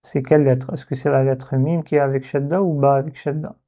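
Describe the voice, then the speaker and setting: A man teaching a lesson step by step, patient, and repeating words slowly so they can be copied. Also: medium pitch, fairly even intonation, warm tone, lo-fi sound. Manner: slow, patient, repeats words to model pronunciation.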